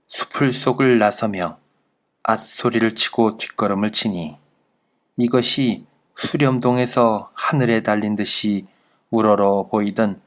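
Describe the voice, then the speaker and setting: A man reading a classic travel essay aloud in a slow, measured literary narration. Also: lowish voice. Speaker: audiobook narrator.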